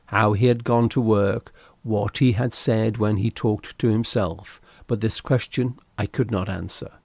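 Brief: male narrator, measured storytelling, gravelly texture, dry close sound. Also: fairly low pitch, a little mellow, no room sound. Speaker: audiobook narrator. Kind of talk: scripted narration of a classic sea novel.

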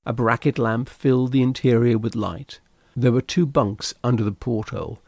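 A man reading a classic sea story aloud in measured, scripted narration. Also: mid-range voice, creaky, darkish tone, no echo, studio quality. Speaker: audiobook narrator.

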